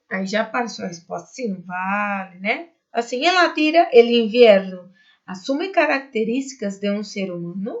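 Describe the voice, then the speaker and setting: Brazilian teacher, higher voice, lo-fi sound. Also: female voice. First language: Portuguese. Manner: explains patiently, often checks with "né?" and "tá?". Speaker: Spanish teacher. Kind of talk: recorded online class.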